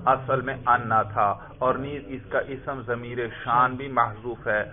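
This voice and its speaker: Brief: male grammar teacher at a mid pitch, quizzes the class and answers himself, lo-fi phone-like sound. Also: fairly even intonation. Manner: asks the class questions and answers them himself; calls the listeners "brother" and slows down to stress the Arabic examples. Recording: tinny, phone-like low-fidelity audio.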